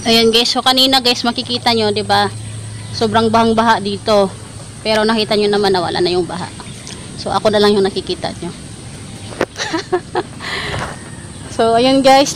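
A woman's voice: on the high side, poor audio. Cheerful young woman vlogging outdoors. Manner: cheerful, laughs often, addresses viewers as guys. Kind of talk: casual vlog chat. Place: outdoors at a flooded farm. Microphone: phone at arm's length. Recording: outdoor noise from a phone.

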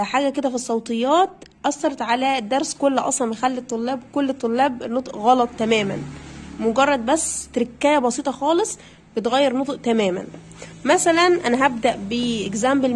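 Brisk Egyptian woman teacher, high voice. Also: a little hiss or hum. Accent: Egyptian Arabic. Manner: brisk, coaxing, drills words by repeating them. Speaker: primary school English teacher. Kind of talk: online pronunciation lesson.

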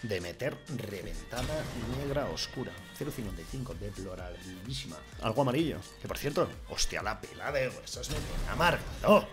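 A young man with a Spain Spanish accent, swearing often as he streams himself opening game cases, swinging from grumbling to shouting. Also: fairly low pitch, animated, moderate pace, few pauses. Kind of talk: excited gaming commentary. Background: background music.

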